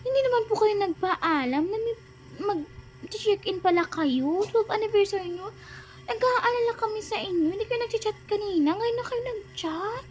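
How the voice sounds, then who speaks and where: A woman's voice: very high voice, a little fast. A woman voicing a hot-tempered teenage older daughter who nags her parents in a doll-game role-play. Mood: scolding. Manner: nagging, indignant.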